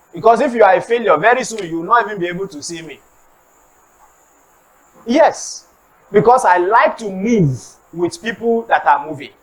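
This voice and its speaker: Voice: mid-range voice, poor audio. A preacher with a Nigerian accent who gives a sermon-style talk on time management, mixes in Pidgin, acts out comic street scenes and has the congregation repeat lines. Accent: Nigerian English with Pidgin. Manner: animated, acts out comic street scenes, calls for audience response. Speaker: preacher giving a motivational talk.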